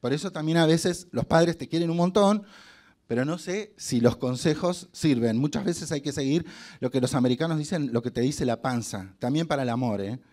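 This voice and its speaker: Speaking at a normal speed in a fairly high, slightly mellow voice, this middle-aged Argentine guest speaker delivers a motivational talk built on funny anecdotes, voicing the characters whose lines he quotes.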